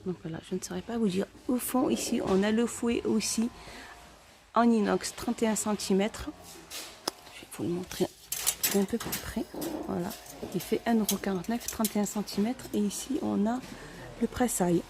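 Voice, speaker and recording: Female shopping vlogger, mid-pitched and soft-toned, speech muffled through a face mask, informal and a little hesitant as she goes item by item. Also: normal speed, gravelly, slight background noise. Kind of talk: casual store-tour narration. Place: inside a discount store.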